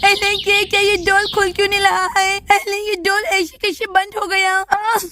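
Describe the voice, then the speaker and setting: A woman's voice: very high-pitched, monotone, normal speed, bright, forceful tone, no echo, clean studio sound. A woman voicing a frightened little schoolgirl doll in a storybook, talking in an anxious, pleading way and calling out again and again. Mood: worried, pleading. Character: scared little schoolgirl doll locked in a toilet.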